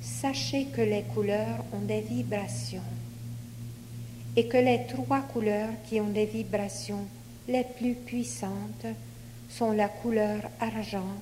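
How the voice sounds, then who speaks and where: Slow, mellow woman leading guided meditation. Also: medium pitch, fairly even intonation. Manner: measured, instructing in short phrases. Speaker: leader of a spiritual group exercise. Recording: long hall reverb, faint noise.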